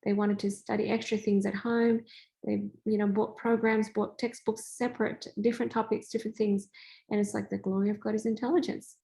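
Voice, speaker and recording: Poor audio captures a gravelly, medium-pitched Australian woman talking briskly. She's a spiritual coach hosting a casual teaching session, and she chats freely while performing family exchanges in animated voices.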